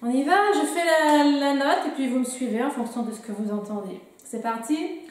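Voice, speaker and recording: A woman teaching a drama class, calmly leading breathing and voice warm-up exercises and encouraging the listener. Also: high voice, moderate pace. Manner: calm, gently encouraging, leading exercises aloud. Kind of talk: guided warm-up lesson. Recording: very echoey room with music behind.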